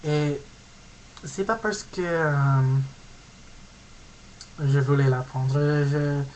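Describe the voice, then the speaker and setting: A young man from California in his late teens with an American accent, a native English speaker giving a halting, casual self-introduction on his vlog as he searches for words. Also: a little high, a little mellow, a little hiss or hum, rough recording. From California, USA. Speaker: vlogger.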